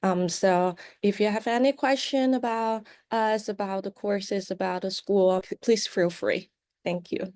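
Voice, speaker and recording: A woman's voice: mid-range voice, fairly even intonation, unhurried, darkish tone, dry recording. A woman from China introducing herself briefly and in a friendly way on a webinar panel over a video call. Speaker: graduate student panelist.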